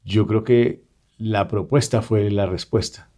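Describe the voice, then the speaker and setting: A middle-aged man, answering radio interview questions in a measured, earnest way from a studio. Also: on the low side, steady tone, dark tone. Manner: measured, earnest, explaining at length. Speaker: vice president-elect, guest.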